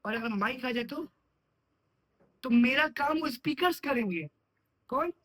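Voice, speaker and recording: Husky-voiced man teaching a class. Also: very high-pitched, animated, unhurried, fairly bright tone, rough recording. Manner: asks the class frequent check questions. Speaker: computer science teacher. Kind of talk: classroom lecture.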